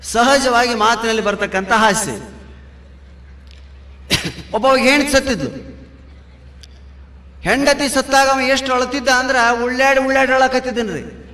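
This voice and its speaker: A man's voice: very high-pitched, sharp tone. A man with a North Karnataka Kannada accent telling humorous anecdotes to a live audience in a folksy, punchline-driven way. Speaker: stand-up comedian. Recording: echoey hall with long reverb.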